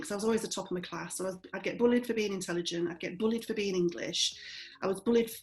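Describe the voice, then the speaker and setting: A woman's voice: mid-range voice, rough recording. Blunt, outspoken woman in her forties. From born in Germany, raised in army families. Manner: blunt, outspoken, laughs often. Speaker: property trainer, guest. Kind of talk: candid interview conversation.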